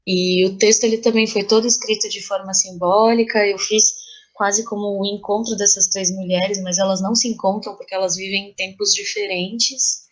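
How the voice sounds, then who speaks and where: Speaking with a Brazilian accent in a mid-range voice, a woman reflects on creative work as an interview guest. She's thoughtful and searches for her words as she goes.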